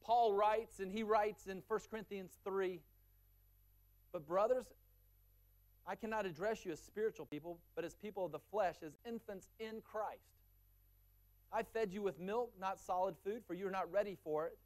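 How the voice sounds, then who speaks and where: At a moderate pace, a male pastor preaches, using extended lists to build force and going low and soft whenever he lands a key point.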